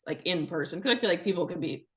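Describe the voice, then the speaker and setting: A young adult woman, a podcast guest, telling stories in casual chat, animated and laughing often as she acts out quotes. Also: fairly low pitch, quick pace.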